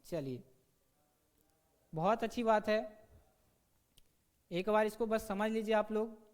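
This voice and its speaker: High-voiced teacher in a reverberant room. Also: male voice. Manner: repeats "ठीक है" and asks students questions; demonstrates sounds slowly. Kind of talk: online grammar lesson. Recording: long reverb.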